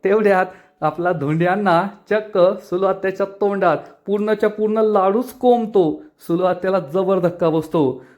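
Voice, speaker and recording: A man narrating a serial episode recap in a steady, scripted storytelling voice. His voice sits a little higher than most men's. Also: normal speed, few pauses. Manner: steady storytelling, then quoting characters.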